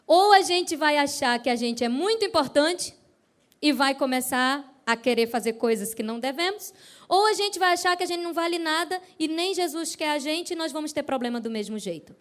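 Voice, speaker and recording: High-voiced woman preaching a sermon. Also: moderate pace. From Brazil. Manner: lively storytelling, asks the congregation questions and acts out quoted voices. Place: church service.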